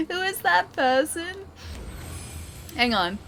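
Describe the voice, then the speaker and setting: A woman with a very high, sing-song, slightly bright voice speaks extremely slowly, with a faint hiss or hum in the background. She livestreams a game, chatting casually, reading viewer comments aloud, giggling often, and using lots of fillers like "like" and "dude."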